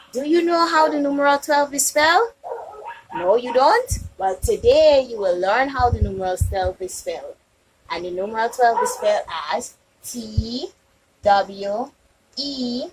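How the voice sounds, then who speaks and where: A woman with a fairly high voice leads a children's lesson like a kids show host. She speaks extremely slowly in a sing-song, question-and-answer way. There is clear noise behind her on what sounds like a homemade recording. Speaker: early childhood teacher.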